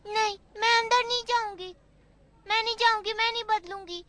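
A woman's voice: very high-pitched, steady tone, moderate pace, background noise. A woman voicing a frightened little girl who pleads and cries for her grandfather in a dubbed drama. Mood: scared. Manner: pleading and tearful. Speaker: child character. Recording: faint music behind.

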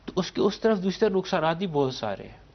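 Male scholar guest, steady lecturing delivery, builds his case with examples, somewhat muffled audio. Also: high voice, breathy edge. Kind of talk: explanatory talk on a studio show.

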